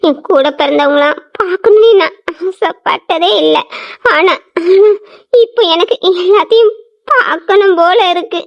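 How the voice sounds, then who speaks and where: A woman's voice: very high-pitched, moderate pace, gravelly, lo-fi sound. A woman voicing a mistreated, grieving young bride in a cartoon drama, crying and pleading. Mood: tearful. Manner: tearful and pleading.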